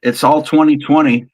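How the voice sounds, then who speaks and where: A middle-aged man from California, a guest on a casual live chat show, talking haltingly with many restarts. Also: fairly high pitch, poor audio.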